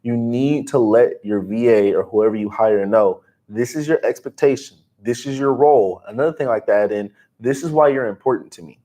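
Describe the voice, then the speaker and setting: A man in his twenties co-hosting a livestream, giving business advice in casual, energetic talk and calling people bro. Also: mid-range voice, normal speed, hardly any pauses. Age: 20s. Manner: energetic, slangy, calls listeners bro. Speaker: livestream co-host.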